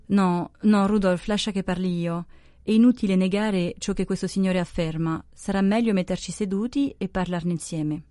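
A woman's voice: mid-range voice, fairly even intonation, moderate pace, dark tone, no room sound, lightly acted. A woman voicing a dignified young noblewoman whose rich-toned speech turns cutting and incisive, read close and dry. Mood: tense. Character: dignified young noblewoman, composed yet intense. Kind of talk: audiobook dialogue reading.

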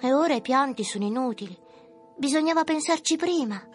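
A man doing a gentle little lady marmot. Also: very high voice, expressive, voice pushed up. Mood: consoling. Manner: gentle, soothing, slow and lecturing. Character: kindly little female marmot, gently consoling. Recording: music playing underneath.

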